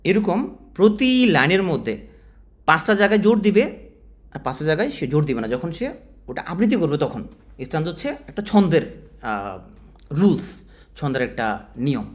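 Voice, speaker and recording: Man, Bangladeshi Bengali accent, literature teacher, lively pitch, a bit high, casual lecture. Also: moderate pace, long pauses. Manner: animated, informal teacher, addresses students directly. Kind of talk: exam-prep literature lecture.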